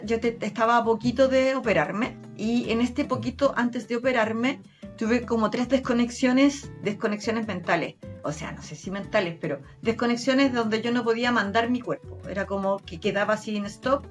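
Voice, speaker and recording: A woman with a Chilean accent, a therapist and medium, recounting her experiences as an interview guest with earnest, animated storytelling. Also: a little high. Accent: Chilean Spanish. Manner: earnest, animated retelling with many restarts.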